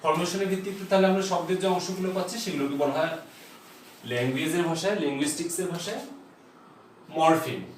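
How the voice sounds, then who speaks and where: A man with a Bangladeshi accent giving a grammar lesson, explaining step by step, repeating key points and spelling words out slowly. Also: a little high, slight background noise. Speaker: English grammar teacher. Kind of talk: classroom lecture. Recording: echoey room, voice from a distance.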